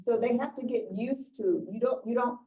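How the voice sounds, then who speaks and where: A woman's voice: on the high side, moderate pace. An older woman pastor giving an informal, conversational sermon, often restarting and repeating words. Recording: distant muffled church recording.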